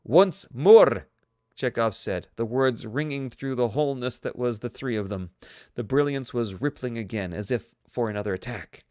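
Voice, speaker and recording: Male audiobook narrator, mid-pitched and dry, with a steady read and self-aware humor. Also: moderate pace, no room sound. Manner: steady reading with joking self-aware asides. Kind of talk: reading a novel aloud.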